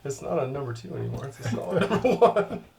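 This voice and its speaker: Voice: medium pitch, very animated, fast talker, creaky, heavy background noise. A person chatting casually and breaking into giggles while talking. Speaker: contestant in a joke challenge. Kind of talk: casual chat.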